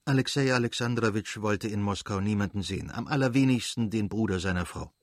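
A man giving a measured, even audiobook narration. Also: lowish voice, no echo, studio quality.

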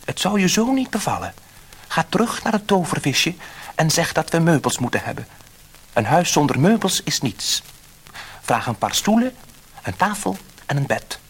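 A man's voice: on the high side, very animated, breathy edge, pitched above the performer's own voice, heavily acted. A man reading a storybook, voicing a bossy, demanding little wife who orders her husband about. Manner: brisk, commanding.

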